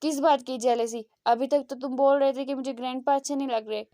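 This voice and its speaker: Gruff old grandpa, jealous and scolding, read by a woman, high voice. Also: fairly even intonation, fairly quick, dark tone, dry recording, studio quality, natural voice.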